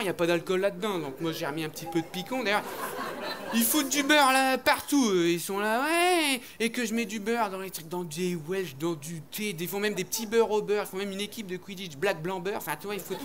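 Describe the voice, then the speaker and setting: A man doing stand-up comedy on stage, telling a rambling, crude story full of slang and acted-out voices. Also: sits high. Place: comedy stage before an audience.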